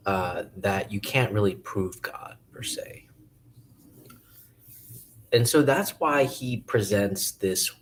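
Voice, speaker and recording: A man musing casually to camera about philosophy, hesitant and thinking aloud with many pauses and restarts. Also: lowish voice. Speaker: video essayist.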